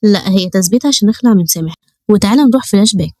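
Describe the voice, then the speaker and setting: A woman voicing a shy but quick-witted young woman with an Egyptian accent. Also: medium pitch, animated, a little mellow, dry recording, studio quality, close to an everyday voice. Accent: Egyptian Arabic.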